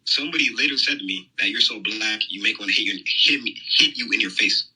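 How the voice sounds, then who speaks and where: A young American man calls in by phone for a phone-in conversation, speaking fast in a lowish voice. He sounds hesitant and leans on lots of fillers. The audio is poor, and a loud crowd can be heard around him.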